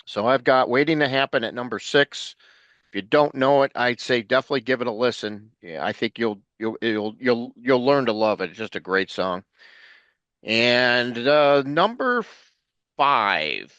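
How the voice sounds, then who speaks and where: A man's voice: mid-range voice, animated, moderate pace, fairly bright tone, dry recording, lo-fi sound. A man talking casually as a guest, rambling and repeating words as he restarts his sentences. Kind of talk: casual chat.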